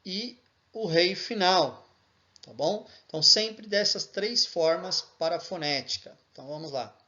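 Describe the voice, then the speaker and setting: A man with a Brazilian Portuguese accent gives a patient, explanatory lesson, pausing often to check that listeners follow. His voice sits a bit high and sounds bright and forceful, and he speaks slowly. The recording is dull and lo-fi. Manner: patient, checks in with frequent tag questions. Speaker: teacher.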